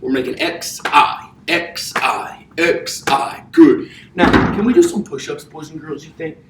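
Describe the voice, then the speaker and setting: Young male P.E. teacher, kids show host delivery, higher-pitched, recorded from across a roomy classroom. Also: animated, measured pace. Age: young adult. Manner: kids show host, addressing children with simple repeated cues and questions; physically active while talking. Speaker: elementary P.E. teacher. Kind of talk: children's exercise lesson. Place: indoor classroom. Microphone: distant camera microphone. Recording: roomy, distant mic, faint noise.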